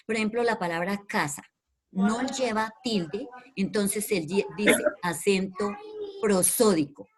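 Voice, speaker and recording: A woman teacher, explaining a lesson in an online class and repeating herself with many fillers. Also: mid-range voice. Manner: slow, repetitive, with many fillers. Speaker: primary school teacher.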